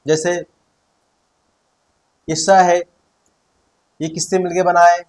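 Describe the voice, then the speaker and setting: A man's voice: high-pitched, little pitch movement, slow, darkish tone, rough recording. A male teacher explaining Hindi consonants, saying each sound aloud several times and checking in with students as he goes. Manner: explains patiently, repeats sounds aloud, keeps checking in with "theek hai". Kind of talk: Hindi grammar lesson.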